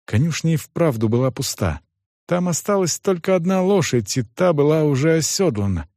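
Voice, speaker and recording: A man reading a fantasy audiobook in a measured, expressive storytelling manner. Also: fairly high pitch, no room sound, studio quality. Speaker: audiobook narrator. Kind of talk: scripted audiobook narration.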